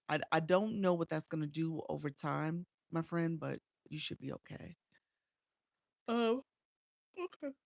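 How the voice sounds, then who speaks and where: A woman from Chicago with a low, creaky voice chats casually on a livestream, coaching live streamers. She reads comments from viewers aloud and replies, frequently saying "um," through a small desk microphone at home, and the studio-quality audio has no room sound.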